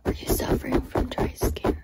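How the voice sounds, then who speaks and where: A woman in her thirties doing a brisk, fast ASMR whispered role-play as a personal-attention attendant, close to the mic and repeating words. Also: heavy background noise.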